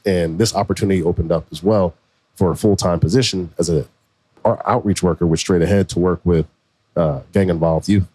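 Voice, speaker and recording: A man in his forties, a podcast co-host, telling his story in a relaxed, slangy way. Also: low-pitched, no echo. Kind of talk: casual conversation.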